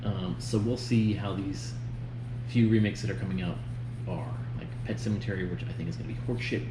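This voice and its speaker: A man's voice: low-pitched, brisk. A man chatting casually as co-host of a movie review, blunt and free with swearing. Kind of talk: casual chat, opinionated review. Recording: roomy, noisy home recording.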